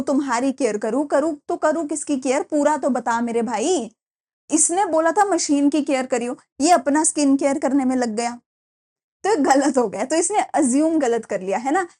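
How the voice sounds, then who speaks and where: Young woman lecturing students, high bright voice, chatty and lively, drops english bits in. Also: normal speed. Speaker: teacher. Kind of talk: classroom lecture.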